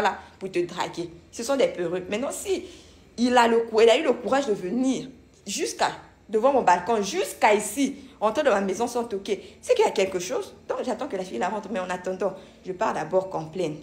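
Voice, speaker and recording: A young woman vlogging from home, telling a story in an animated, indignant way and often repeating herself. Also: a little high, brisk. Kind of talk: casual storytelling vlog.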